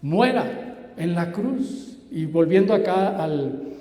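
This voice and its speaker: High-voiced, slow-preaching man in an echoey hall. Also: lively intonation. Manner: preaching with swings between loud emphasis and hushed asides. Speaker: pastor. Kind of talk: sermon. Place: church hall.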